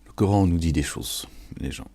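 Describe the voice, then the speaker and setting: A low-pitched man with a dark tone speaks at normal speed, delivering an informal, sermon-like reflection on scripture. Known online for religious and political commentary, he preaches familiarly and keeps checking in with his listeners through questions.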